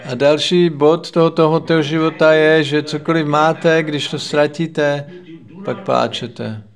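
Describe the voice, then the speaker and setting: A man with a somewhat high voice delivers a religious lecture. He preaches in a measured way and lays out his points by repeating short phrases in lists. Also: fairly even intonation. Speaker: spiritual lecturer.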